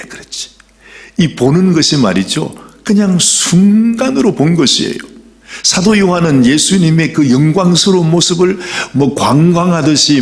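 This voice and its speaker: A middle-aged man preaching a sermon as pastor, dramatic and swinging between loud calls and soft whispers. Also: fairly high pitch.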